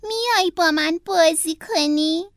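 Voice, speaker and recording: A woman voicing a playful, sly fox who makes slow, coaxing invitations. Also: very high voice, dry recording, studio quality.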